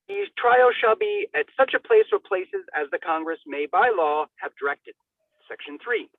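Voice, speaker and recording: A high-pitched man gives a hammy, theatrical dramatic reading, stumbling over words and tossing in comic asides. There's no echo, but the sound is thin and band-limited, like a phone.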